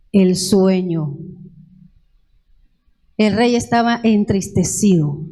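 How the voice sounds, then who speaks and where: A woman preaching in a church, slowly reading a Bible passage aloud and stopping to ask the congregation questions. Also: fairly high pitch, dark tone. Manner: reads scripture aloud with asides and questions to the congregation. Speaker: church speaker. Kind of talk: slow Bible-reading sermon.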